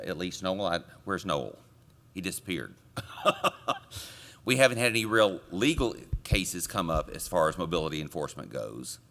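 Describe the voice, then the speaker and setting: A man chairing a committee, delivering a conference report from a podium microphone with relaxed joking asides to the audience. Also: sits low. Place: conference meeting room.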